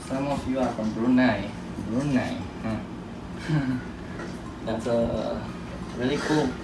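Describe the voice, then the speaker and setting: A man's voice: medium pitch, takes it slowly. Chatty Malaysian man live-streaming a workout. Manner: chatty, upbeat, talks between training sets. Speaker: fitness streamer. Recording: roomy, distant mic, loud music behind. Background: loud music.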